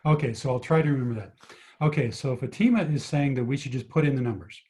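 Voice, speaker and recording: Guy tutoring physics on a video call, warm mellow tone, walks through it step by step. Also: medium pitch, fast talker, a little hiss or hum. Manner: patient, explains step by step, asks students questions. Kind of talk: online tutoring lesson.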